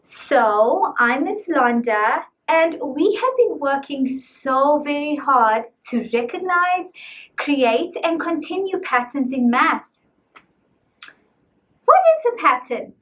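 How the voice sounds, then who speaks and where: A woman presenting a scripted lesson to young children in an exaggerated, bright kids'-presenter manner, asking simple questions and exclaiming often. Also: high-pitched, animated, takes it slowly. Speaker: children's math teacher presenting a video lesson. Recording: distant mic with faint background noise.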